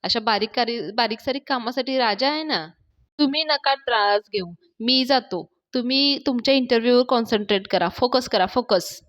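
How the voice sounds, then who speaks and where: A woman's voice: fairly high pitch, normal speed, fairly bright tone, natural voice. A woman voicing a young man who is an eager, bossy helper and speaks in a pushy, coaxing way. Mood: urging.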